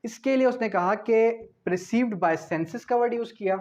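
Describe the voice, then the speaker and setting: A very high-pitched man with a darkish tone delivers an exam-focused law lecture in a Pakistani accent, over dull, lo-fi audio with slight background noise. He reads definitions in a teacherly way, repeats important phrases, asks rhetorical questions, and mixes Urdu with slowly read English.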